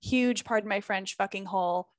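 A woman's voice: mid-range voice, normal speed, no echo, studio quality. A woman speaking candidly and emphatically as a guest in a casual interview, swearing freely as she makes her points. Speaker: former group fitness instructor.

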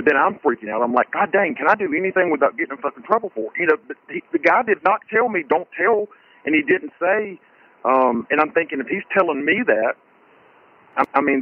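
Man with a disguised, phone-like voice. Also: medium pitch. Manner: halting, with many fillers and restarts. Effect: voice disguised with an altering filter. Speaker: anonymous source. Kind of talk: recounted hearsay in an interview. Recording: dry, phone-like disguised audio.

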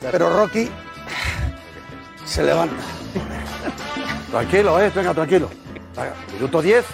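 A man in a sports talk studio, retelling a match with theatrical shouts and sound effects. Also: a little high, lively intonation, unhurried, gravelly, music in the background. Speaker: sports pundit.

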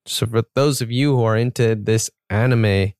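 A young man co-hosting a podcast in an easygoing, relaxed manner. His voice sits low and sounds smooth. The recording is dry and close. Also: normal speed, no echo. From Georgia, USA. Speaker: podcast co-host. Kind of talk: casual podcast chat.

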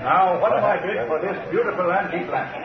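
An actor playing a flattering, theatrical auctioneer with showy patter in an old radio drama. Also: male voice, high voice, quick pace, over loud music. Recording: muffled, roomy old radio recording. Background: loud crowd.

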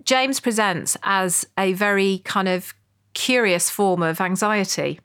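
A woman psychologist on a podcast explaining a case in a thoughtful, measured, earnest way. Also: mid-range voice, a bit bright, clean tone. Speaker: psychologist co-host. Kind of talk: conversational explanation.

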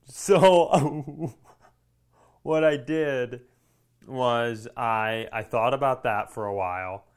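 A comedy podcast host with a clear, resonant, mid-range voice draws out his words as he tells a story. He's casual and animated, swears a lot, and acts out the quoted dialogue.

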